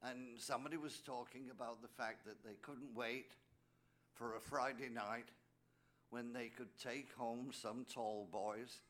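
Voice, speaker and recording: A man's voice: mid-range voice, fairly even intonation, a little slow, a bit bright. An older man with an English accent, a priest giving a personal testimony speech at a recovery meeting, anecdotal and dropping joking asides to the audience. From England. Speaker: priest sharing his story at a recovery meeting.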